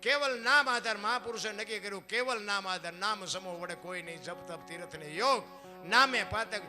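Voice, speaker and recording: A man with a Kathiawadi Gujarati accent gives a devotional sermon. He preaches emphatically, often calls his listeners "bapu", and lets his loudness rise and fall. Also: sits high, a little fast, over music. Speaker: devotional folk artist. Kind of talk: devotional sermon on saints and scripture.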